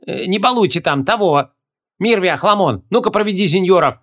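A man's voice: sits high, expressive, normal speed, fairly bright tone, pitched above the performer's own voice. Man doing a fretful old rustic innkeeper. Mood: grumbling fussy. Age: 60s. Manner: rustic folksy speech, fretful whining. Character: old grumbling rustic male innkeeper, fearful.

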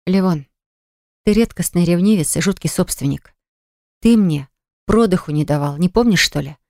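A woman's voice: on the low side, moderate pace, a little mellow, no echo, clean studio sound, lightly acted. A woman voicing a hurt young woman who answers her ex-fiancé in a cutting, reproachful way, in an audiobook. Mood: accusing. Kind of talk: audiobook dialogue reading.

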